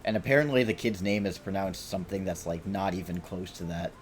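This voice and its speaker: A man with a deep, low voice narrates his gameplay in a loose, rambling way, swearing often and muttering to himself. Faint music sits underneath his talk. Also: steady tone, fairly quick. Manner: rambling, profane, self-talking. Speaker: game streamer. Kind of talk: casual gameplay commentary.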